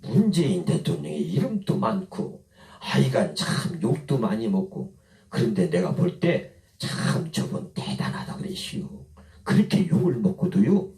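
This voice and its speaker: Man, Chungcheong accent, folksy-fiery orator; very animated pitch, recorded distant in a roomy space. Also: measured pace. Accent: Chungcheong Korean. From Chungcheong, Korea. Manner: swings between drawling dialect and fiery oratory. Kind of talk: folksy impassioned speech. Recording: echoey, mic from far off.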